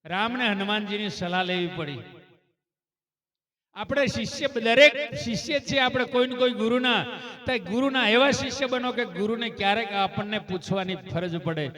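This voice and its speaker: A man's voice: sits high, normal speed, sharp tone. A man preaching a devotional sermon, telling a religious story and calling out praise cries to his listeners. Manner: calls out chanted praise cries between story passages; asks the listeners rhetorical questions.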